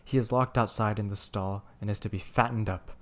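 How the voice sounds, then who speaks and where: A man's voice: low-pitched, steady tone, moderate pace, darkish tone, slight background noise, natural voice. A man voicing a wicked, scornful old witch who scolds harshly in a bedtime storybook reading. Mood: scolding.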